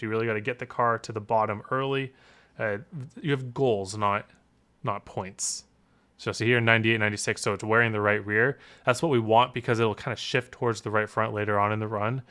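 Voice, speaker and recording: Calm man coaching over sim racing. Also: on the low side. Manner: calm, methodical, repeats key words. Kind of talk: instructional commentary over gameplay.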